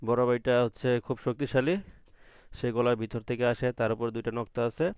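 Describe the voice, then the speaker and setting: A man's voice: mid-range voice, little pitch movement, a little fast, darkish tone, clean tone, no room sound. A man teaching an online Quran class, patiently asking questions and drawing out letter sounds from the throat. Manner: patient, asks the class questions and answers them himself.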